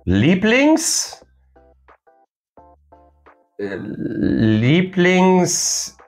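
Older male contestant, headphone-loud, animated pitch, halting delivery, music faintly behind. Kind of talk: casual word-guessing game. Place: small indoor room.

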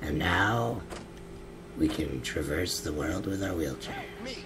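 A man hosting a game role-play, joking loudly and laughing as he plays. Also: sits low, lively intonation, slow, music in the background. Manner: loud, laughing, joking outbursts. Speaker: gamer host.

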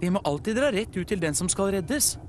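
A man voicing a calm, sensible female rescue tugboat who patiently explains safety rules. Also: high-pitched, slight background noise, pitched above the performer's own voice. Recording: music playing behind.

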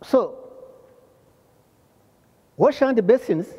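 Older man, plumbing instructor, slow deliberate delivery, mellow voice, echoey workshop hall. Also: very high-pitched, animated, breathy edge, highs cut off. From Rwanda. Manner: repeats phrases, pauses often, demonstrates parts. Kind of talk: slow hands-on trade lesson.

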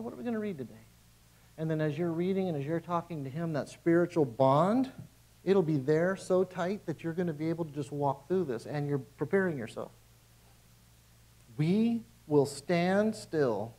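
A man's voice: on the high side, darkish tone, low-quality recording. A man, a pastor, preaching a conversational sermon in a church, emphatic and informal, repeating his phrases.

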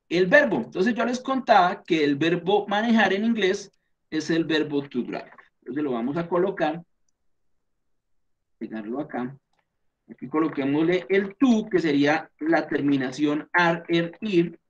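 High-voiced Colombian man teaching a class. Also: lo-fi sound. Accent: Colombian Spanish. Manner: patient step-by-step explaining, frequent fillers and check-ins. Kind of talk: explaining a class lesson.

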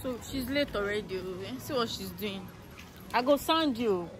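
A woman's voice: mid-range voice, lively intonation, moderate pace, music in the background, a crowd in the background. A young woman with a Nigerian accent, vlogging casually outdoors into a phone held at arm's length and chatting with a laugh in her voice. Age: young adult. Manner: chatty, laughing, switching into pidgin. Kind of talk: casual vlog walkthrough. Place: outdoors in a rural neighborhood.

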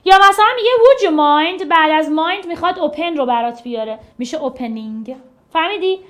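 High-voiced lively Persian woman teaching. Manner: lively, coaxing, repeats phrases rhythmically. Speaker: online English teacher. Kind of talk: energetic classroom explanation.

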